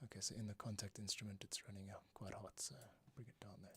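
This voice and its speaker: This man speaks fast in a low, husky voice that sounds pushed and bright, with little movement in pitch. He's a composer running a live music production stream, casually talking through his work and frequently muttering to himself. Score playback and keyboard clicks sit under his voice along with the music.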